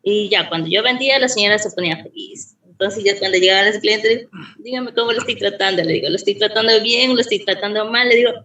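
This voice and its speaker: A woman recounts a personal story with lively energy and jumps into the voices of the people she quotes. Her voice is mid-pitched and sounds a bit distant, as if she is set back from the microphone. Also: quick pace, roomy sound. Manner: animated storyteller, acts out quoted dialogue. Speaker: student. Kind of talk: telling a personal anecdote. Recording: voice from a distance off the mic.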